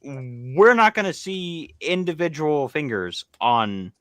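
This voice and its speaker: On an online livestream call, a man sits on a panel reviewing toys, chatting casually in a group discussion and often restarting and repeating phrases. His voice is fairly high, sing-song and fairly bright, and he speaks slowly; the sound is clean studio quality with no echo.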